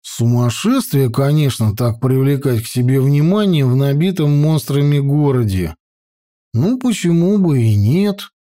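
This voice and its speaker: A man's voice: mid-range voice, animated, warm tone, lightly acted. A man doing a grumbling young comrade. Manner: grumbling, drawn-out musing.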